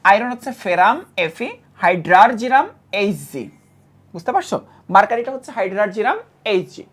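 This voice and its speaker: A woman teaching a chemistry class with a Bangladeshi Bengali accent. She repeats key facts and asks the students quick questions. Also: medium pitch, expressive. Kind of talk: classroom lecture.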